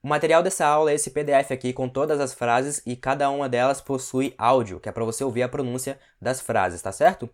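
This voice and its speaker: A man teaching an online language lesson. He explains patiently, checks in often with his listeners, and slows down to model each word. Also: medium pitch.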